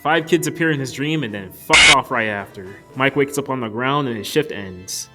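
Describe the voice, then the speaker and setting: Background music plays behind this young video reviewer as he delivers his scripted, casual film commentary with jokes and offhand profanity. He speaks at normal speed in a mid-range voice.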